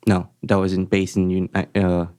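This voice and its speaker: A young man from Malaysia, a chef guest on a podcast, talking casually in halting sentences with frequent restarts. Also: low voice, smooth, dry recording, studio quality. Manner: relaxed, halting speech with frequent restarts and chuckles. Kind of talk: casual chat.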